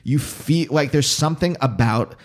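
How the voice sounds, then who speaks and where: Hosting a laid-back podcast, this man speaks with a Pennsylvania accent carrying a touch of New York, his voice a little high. He thinks out loud, breaking off and interrupting himself as he goes.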